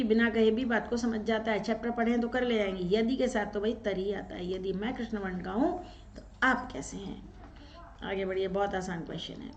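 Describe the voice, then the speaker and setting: A woman's voice: a little high, roomy sound, dull audio, slight background noise. A woman teacher going through an exam paper, asking questions and answering them herself, step by step. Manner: explains step by step, asks and answers her own questions. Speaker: Sanskrit teacher. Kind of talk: exam-paper walkthrough lesson.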